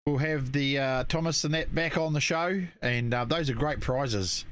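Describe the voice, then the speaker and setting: A man's voice: mid-range voice, normal speed, a bit bright. A man with a New Zealand accent co-hosting a casual chat show, often repeating his words and phrases. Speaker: show co-host.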